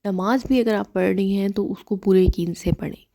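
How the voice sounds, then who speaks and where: A young adult woman from Pakistan giving earnest, casual spoken advice in a vlog, repeating herself and often pausing with "um". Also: medium pitch, creaky, warm tone. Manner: earnest and repetitive, with many "um" fillers. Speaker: vlogger.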